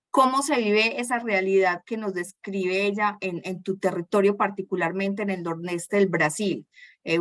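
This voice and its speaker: Woman, panel moderator, medium pitch, dry sound, formal, hesitant phrasing. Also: a bit bright, no room sound.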